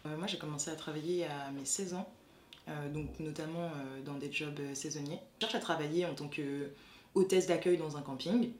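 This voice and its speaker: A woman's voice: low-pitched, steady tone, normal speed, darkish tone. A woman in her twenties from France, a master's student recounting an experience with many fillers, becoming livelier as she retells a conversation. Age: 20s. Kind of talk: testimony to camera. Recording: echoey room with faint noise.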